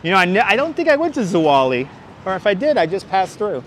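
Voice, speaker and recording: Very animated and talking fast in a high voice, a man with a heavy Brooklyn, New York accent leads a live walking tour on crowded Manhattan streets. His tone is casual as he chats and provides street commentary. Vehicles and street ambience come through clearly in the outdoor recording.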